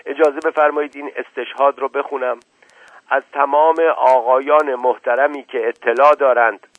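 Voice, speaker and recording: A man voicing an enraged, bandaged middle-aged man who shouts indignantly, heard on a tinny, dry radio recording. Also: medium pitch, steady tone, no echo, pitched above the performer's own voice, close to an everyday voice. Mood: furious.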